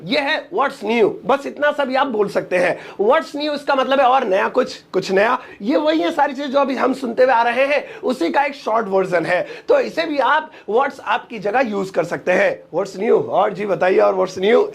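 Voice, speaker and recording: Playful guy teaching english, high voice, bit gravelly, jokes around a lot. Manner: playful, joking, acts out little dialogues. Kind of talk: lively spoken English lesson.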